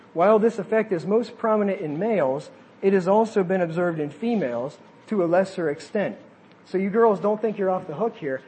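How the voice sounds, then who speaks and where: High-voiced man preaching. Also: a little mellow, slightly rough. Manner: reads quotes aloud, adds asides. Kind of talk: sermon.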